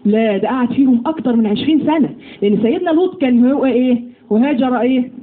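Quick, high-voiced Egyptian woman teaching religion. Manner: lively, asks the audience questions. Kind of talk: religious lesson to women. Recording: tinny phone-like audio with faint noise.

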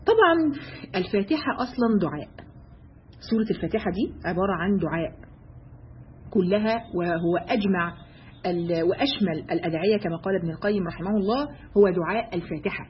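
A woman with an Egyptian accent giving a religious lesson to women, briskly asking her listeners rhetorical questions. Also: medium pitch, slight background noise. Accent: Egyptian Arabic. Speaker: religious teacher. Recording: dull lo-fi recording.

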